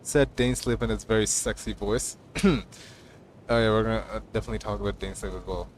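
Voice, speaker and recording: A man's voice: fairly low pitch, steady tone, brisk, slight background noise. A man streaming and chatting casually about game lore, rambling with lots of fillers and stammered restarts. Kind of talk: casual livestream chat. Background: game music.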